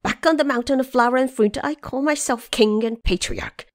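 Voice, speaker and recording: A woman's voice: high-pitched, normal speed, dry recording, clean studio sound, pitched above the performer's own voice, close to an everyday voice. A woman voicing a proud, hot-tempered male monkey warrior in an audio drama, boastful and indignant. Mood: enraged.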